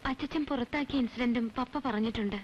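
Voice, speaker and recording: A woman's voice: fairly high pitch, quick pace, a little hiss or hum, close to an everyday voice. An actress playing a polite young woman raised in Bombay, an outsider who apologizes and slips English words into her speech. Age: young adult. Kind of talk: 1980s film drama. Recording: dull lo-fi film soundtrack.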